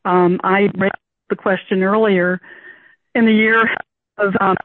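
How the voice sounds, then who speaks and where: An older community caller giving public comment over a phone line that breaks up with clipping and tapping, speaking haltingly with many fillers. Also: mid-range voice, flat delivery, no echo. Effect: breaking-up phone connection with clipping and tapping. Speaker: community caller at a board meeting. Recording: tinny, dry phone line.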